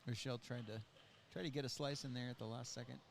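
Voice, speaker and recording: A man's voice: mid-range voice, fairly even intonation, quick pace, gravelly, slight background noise. Laid-back man calling fencing matches. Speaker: fencing commentator. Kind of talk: casual live commentary.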